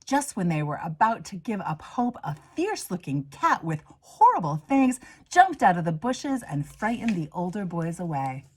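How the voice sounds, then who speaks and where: A woman reading a children's storybook aloud in an expressive way, moving between hushed asides and emphatic swells. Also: lowish voice, normal speed, hardly any pauses, slightly rough. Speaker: reader, minister.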